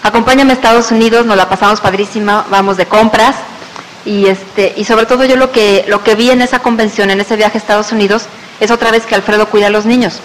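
A woman's voice: medium pitch, brisk. Mexican woman, storyteller type, acts out the voices in her anecdotes; hall echo, faint hiss. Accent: Mexican Spanish. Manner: lively storyteller who acts out quoted voices. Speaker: speaker sharing a business testimony. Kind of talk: personal testimony told to an audience.

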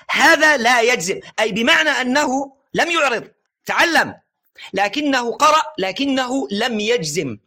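This religious teacher has a high-pitched, bright, forceful voice and lectures earnestly on a religious lesson. Frequently calling for his listeners' attention, he stresses phrases slowly and lets his sentences trail downward.

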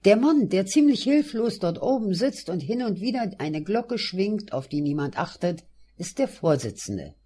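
A man's voice: sits high, very animated, normal speed, dark tone, breathy edge, pitched above the performer's own voice, exaggerated voice. A man voicing a young man who scornfully explains things to a friend, in a sardonic tone. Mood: scornful lecturing.

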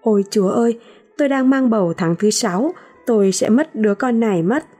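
A woman's voice: fairly high pitch, animated, brisk, mellow, faint music behind. A woman voicing a frightened young pregnant woman who cries out in panicked, wailing pleas. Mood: tearful.

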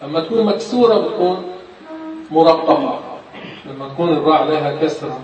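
A man teaching Quran recitation, explaining patiently and sounding out each example slowly. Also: a little high, lively intonation, darkish tone, a little hiss or hum. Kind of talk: classroom instruction. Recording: distant, echoey, muffled room recording.

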